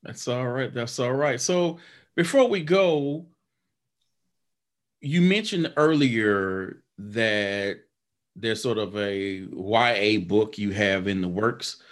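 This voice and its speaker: A podcast host with a lowish voice speaks slowly during a casual interview chat, loose in his delivery, full of fillers and restarts. He then wraps up the show with an upbeat outro that rallies listeners.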